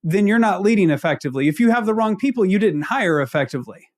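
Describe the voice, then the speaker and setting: A man's voice: high voice, animated, fast. A man from the Ozarks with an Ozark accent, giving conversational leadership advice as a panel guest, emphatic and fond of rhetorical questions. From Ozarks, United States.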